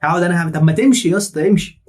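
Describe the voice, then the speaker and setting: A man's voice: high-pitched, very fast, heavy background noise. A man with an Egyptian accent giving teasing, sarcastic commentary on a short comedy film. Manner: mocking, teasing. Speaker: reaction video host.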